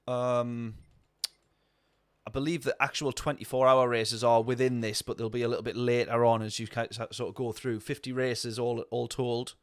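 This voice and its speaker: A man's voice: medium pitch, flat delivery, moderate pace, no echo, studio quality. Chatty man streaming a racing game. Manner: rambling, chatty, answers viewer chat. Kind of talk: casual gameplay commentary.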